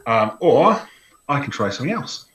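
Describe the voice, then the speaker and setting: A man's voice: mid-range voice, sing-song, moderate pace, a bit bright. A man playing a tabletop game, planning his move hesitantly. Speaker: player. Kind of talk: casual chat at a tabletop game. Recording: roomy echo.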